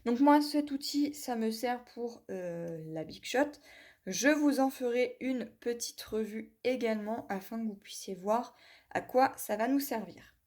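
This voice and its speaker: Slow, chatty woman demonstrating a tool. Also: a little high, a little mellow. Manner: chatty, talks viewers through each step with many "voilà" and "hop"; apologetic about her English pronunciation. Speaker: craft vlogger reviewing a tool. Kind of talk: hands-on product demonstration.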